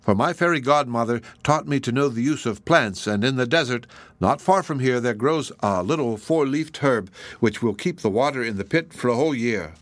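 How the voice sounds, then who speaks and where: A man's voice: medium pitch, lively intonation, normal speed, no echo, lightly acted. A man voicing a brave, cheerful young princess who speaks eagerly and reassuringly, in a storybook reading. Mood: eager reassurance.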